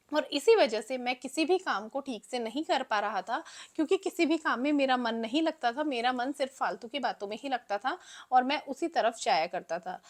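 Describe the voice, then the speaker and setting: A woman's voice: a little high, close to an everyday voice. A woman voicing a humbled, reflective young prince in a spoken story, in an earnest, confessional tone.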